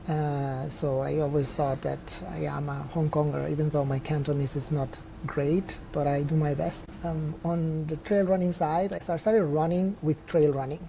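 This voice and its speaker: A man's voice: fairly high pitch, gravelly, dark tone, a little hiss or hum. A young man from Mexico, a trail runner guest in a casual interview, talking openly and reflectively with restarts as he thinks. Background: faint chatter of people nearby.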